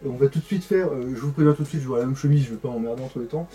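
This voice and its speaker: Male host, mellow timbre, rambling hands-on chat, faint music bed. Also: medium pitch, very fast. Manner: rambling, many fillers and repeats. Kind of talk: casual chat while assembling models.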